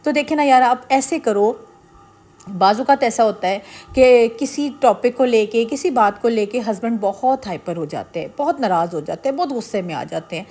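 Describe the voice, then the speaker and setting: Earnest woman vlogger, slightly high voice. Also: expressive, dark tone. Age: middle-aged. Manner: earnest, persuasive, addresses viewers directly. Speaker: vlogger giving marriage advice. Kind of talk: casual advice talk to camera.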